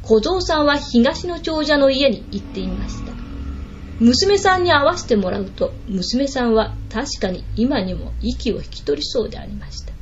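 Animated woman telling a folk tale. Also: high-pitched, moderate pace, a little hiss or hum. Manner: animated, dramatic storytelling. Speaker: storyteller. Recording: lo-fi recording.

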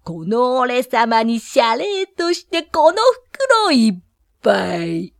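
A woman voicing a cocky, shady male piper who demands his pay in a rough, drawn-out way, in a told story. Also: a little high, big pitch swings, no echo, studio quality, pitched above the performer's own voice, heavily acted. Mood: demanding.

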